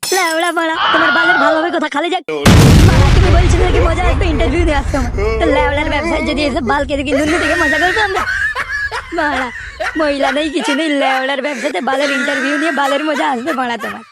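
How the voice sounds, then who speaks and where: A woman voicing a hot-tempered, foul-mouthed young man in a cartoon comedy, crude, loud and mocking. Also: high-pitched, fast talker, very noisy.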